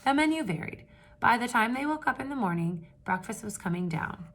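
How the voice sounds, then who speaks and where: A woman reading a picture book aloud to children with lively expression, pausing to ask her listeners questions in hushed asides. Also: on the high side, slight background noise. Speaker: read-aloud storyteller for children.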